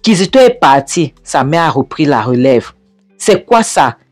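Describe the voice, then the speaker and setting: A woman's voice: low voice, sing-song, unhurried, darkish tone, no echo, clean studio sound, faint music behind. Indignant woman recapping a film. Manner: emphatic, repetitive and indignant commentary. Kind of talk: retelling and reacting to a film.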